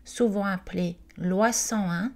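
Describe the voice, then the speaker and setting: A woman's voice: medium pitch, measured pace, a little mellow. A woman reading an informational presentation aloud, carefully and with the odd hesitant aside. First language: not Quebec French.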